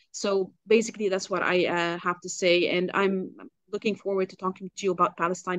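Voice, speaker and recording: A woman from Lebanon speaking as a guest journalist in an interview, passionate and halting, with many fillers and restarts. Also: lowish voice, fairly bright tone, no room sound. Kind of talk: interview on a call.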